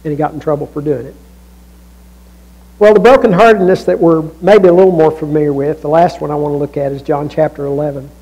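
Speaking quickly with a slightly rough voice, a man preaches as pastor in a church. His intonation stays fairly even, yet he swings from raised emphasis to near-hushed lows, talking conversationally with restarts and asides over poor audio.

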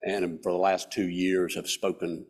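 A man in his sixties with a Southern mountain Appalachian accent, giving a folksy, self-deprecating, informal club speech in a husky voice. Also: low-pitched, little pitch movement, unhurried. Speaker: guest speaker. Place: hall stage at a podium. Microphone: podium microphone.

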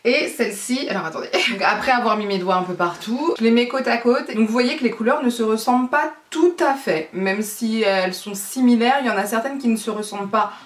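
A fairly high-voiced woman from France talks viewers through a makeup tutorial in a loose, chatty way. She narrates each step as she goes, sprinkling in fillers. The room around her sounds bright and echoey. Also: brisk. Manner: chatty, explains as she works, frequent fillers. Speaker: beauty vlogger. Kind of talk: casual makeup tutorial chat.

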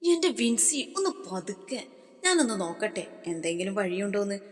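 A woman doing a worried, hushing older woman. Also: medium pitch, big pitch swings, moderate pace, big-room sound, natural voice. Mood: anxious. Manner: pleading, hushed.

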